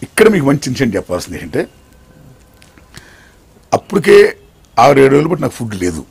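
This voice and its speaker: Husky older man telling animated stories. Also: fast talker. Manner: swings between loud excited and low hushed tellings. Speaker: interview guest. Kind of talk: animated storytelling.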